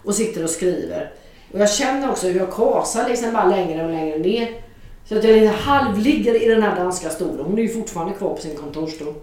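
A middle-aged woman telling a story aloud in a frank, lively way, swearing casually and acting out the dialogue. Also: medium pitch. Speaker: author telling an anecdote. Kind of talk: spoken storytelling to an audience. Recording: very echoey, from a distance.

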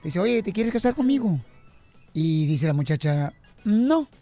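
A man hosting a comedic radio show, talking loud and playful. He teases his co-hosts and tells jokes with plenty of energy. Faint music sits under his voice. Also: sits high, big pitch swings, a little slow. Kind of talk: comedic radio banter and joke telling.

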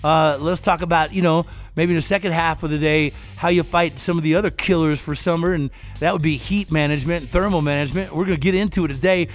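A man co-hosting a car podcast, chatty and energetic, hyping up his guest. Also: on the high side, fast talker, hardly any pauses, soft background music. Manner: energetic, hypes the guest with sing-song show intros. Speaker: podcast co-host. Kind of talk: casual podcast chat.

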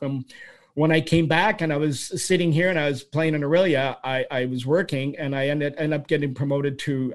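Older guest from Toronto, sixties, chatty rambler full of restarts, mid-range voice. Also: male voice, mid-range voice. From Toronto, Canada. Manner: rambling, animated storyteller with frequent restarts. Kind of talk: storytelling interview answers.

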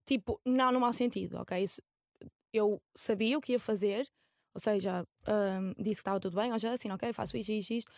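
A woman's voice: mid-range voice, steady tone, brisk, darkish tone, no room sound, clean studio sound. A young woman with a European Portuguese accent chatting casually as an interview guest, slangy and mixing in English words. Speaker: guest, actress. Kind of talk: casual chat.

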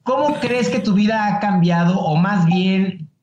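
High-voiced joking man host. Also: measured pace, darkish tone, reverberant, a little hiss or hum. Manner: joking, playful. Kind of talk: casual chat interview.

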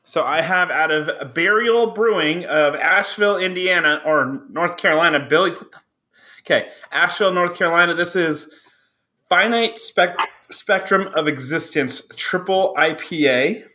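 Bright-voiced frat-bro man. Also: a little high, normal speed. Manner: frat-bro talk, crude and profane. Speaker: podcast co-host. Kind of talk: casual banter among friends.

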